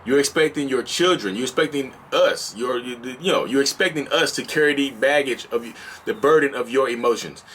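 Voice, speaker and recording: A man's voice: mid-range voice, a little fast, fairly bright tone, slight background noise. A man in his thirties hosting a vlog, talking casually and building into passionate, repeated rhetorical questions. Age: 30s. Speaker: host.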